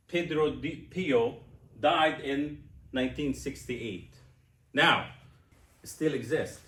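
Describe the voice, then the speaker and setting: Lively, slow-spoken man in his sixties. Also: fairly high pitch, reverberant. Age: 60s. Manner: animated, questioning the audience. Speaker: speaker. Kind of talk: personal testimony speech.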